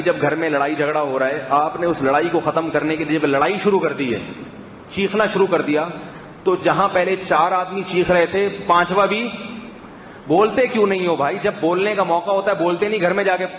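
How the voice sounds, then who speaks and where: Guy giving a sermon, chatty, asks the crowd questions, roomy echo and a bit of hiss. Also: sits high. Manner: conversational, rhetorical questions, swings from loud stress to hushed. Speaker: preacher. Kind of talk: sermon in Urdu. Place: mosque hall. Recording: echoey mosque hall, faint noise.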